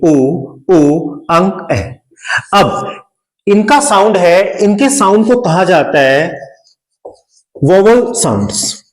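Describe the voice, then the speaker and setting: A man with an Indian English accent, a Hindi speaker, teaching English grammar and repeating words slowly and emphatically for his students. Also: sits high, roomy sound, poor audio. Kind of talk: classroom-style grammar lesson.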